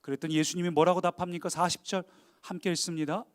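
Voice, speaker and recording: High-voiced emphatic male preacher. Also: level tone, fast. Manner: emphatic, dramatic, shifts between loud appeals and quiet asides. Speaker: pastor. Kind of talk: sermon.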